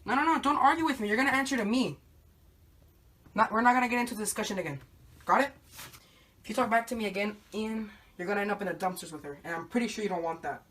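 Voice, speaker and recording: A woman's voice: mid-range voice, quick pace, a bit bright, natural voice. A woman playing a threatening male crime boss in an amateur short film, pushy and repetitive. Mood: bossy. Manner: pushy, repeats himself. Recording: distant mic.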